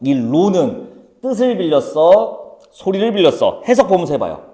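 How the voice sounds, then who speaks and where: Man, high school teacher, brisk teasing classroom lecture, roomy echo. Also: big pitch swings, dark tone. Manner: brisk, teasing, calls on students by name. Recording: echoey classroom.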